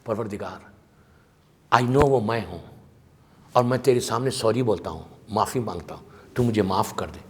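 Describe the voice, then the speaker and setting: A man voicing a repentant male sinner who begs forgiveness in a low, hushed plea. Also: long pauses, close to an everyday voice. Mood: pleading.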